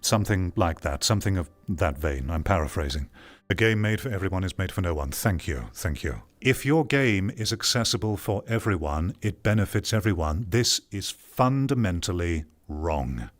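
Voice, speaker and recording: With an expressive low voice at normal speed, the video commentator works through an article, reading sections aloud. His reactions are opinionated, blunt, dismissive and combative.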